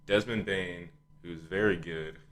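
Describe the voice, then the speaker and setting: Man, low voice, casual sports podcast host, hesitant delivery, thinking aloud. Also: steady tone, unhurried, fairly bright tone.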